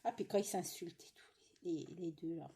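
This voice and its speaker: A woman's voice: lowish voice, fairly quick, creaky, warm tone, breathy edge. A middle-aged woman from France chatting casually while she stitches, grumbling and rambling with many fillers and asides, recorded at home. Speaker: cross-stitch vlogger.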